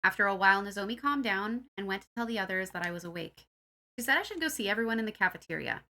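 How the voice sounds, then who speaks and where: A woman's voice: mid-range voice, expressive, fast talker, pushed and bright. A woman reading a visual novel aloud, narrating the story and acting out its characters.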